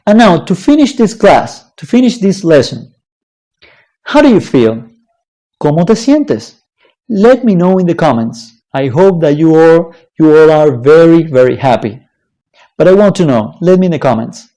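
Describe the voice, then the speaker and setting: Slow, lively-voiced language teacher. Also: medium pitch. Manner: slow, deliberate, checks in with "okay?" and "right?". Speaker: Spanish teacher. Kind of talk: online language lesson.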